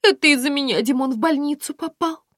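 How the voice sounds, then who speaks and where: A woman's voice: a bit bright, dry recording, studio quality. Woman putting on Violetta, a gushing young friend. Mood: tearful. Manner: high, gushing, rushed. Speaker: audiobook reader.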